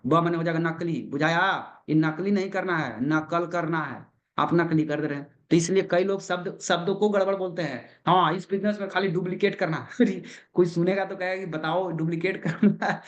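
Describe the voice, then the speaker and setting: A man's voice: a little high, a bit bright. A man giving a motivational business seminar as a trainer, putting questions to the crowd and answering them himself. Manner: repeats key points with emphasis.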